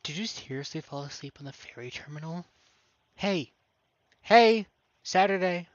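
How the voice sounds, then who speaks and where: A man voicing a dry, teasing young woman friend, deadpan with sudden loud calls. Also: fairly high pitch, moderate pace, dry recording, natural voice. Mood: calling. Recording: dull lo-fi mic.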